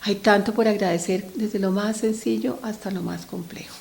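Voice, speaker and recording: An earnest middle-aged woman speaks straight to parents at a medium pitch. She talks about raising children with steady conviction and keeps drawing her listeners in with little questions. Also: normal speed, gravelly. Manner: earnest, speaks directly to parents, frequent "¿cierto?" tag questions. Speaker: speaker on family mental health. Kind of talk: talk addressed to parents.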